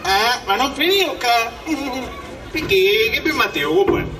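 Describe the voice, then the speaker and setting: A man acting a mocking, sceptical village crony in a stage comedy, needling and animated, in Sicilian dialect. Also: very high voice, slow, a crowd in the background, background noise, full character voice. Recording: echoey theatre stage, distant mic, audience.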